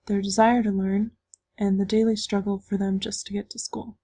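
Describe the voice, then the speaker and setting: Even, mellow woman presenting. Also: mid-range voice, normal speed, husky, no echo. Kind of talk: presentation with slides.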